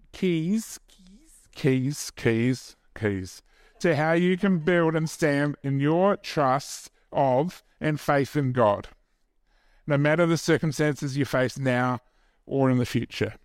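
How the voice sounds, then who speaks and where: With a somewhat high, smooth voice and an unhurried delivery, this New Zealand man preaches a laid-back sermon at a church service. There's no echo and the sound is studio grade. He teases himself and chats with the audience as he goes.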